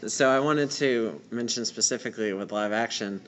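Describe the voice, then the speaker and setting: A man's voice: on the low side, normal speed, fairly bright tone, a little hiss or hum. A man hosting a radio show, interviewing a guest at a convention with rambling, casual questions. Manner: rambling questions with many "like" fillers.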